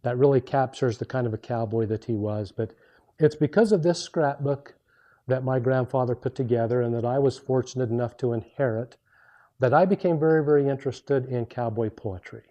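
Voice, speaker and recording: A man introducing and reciting homespun cowboy poetry in an unhurried storytelling way, with measured rhymed phrasing. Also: mid-range voice, warm tone. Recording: dull, muffled lo-fi sound.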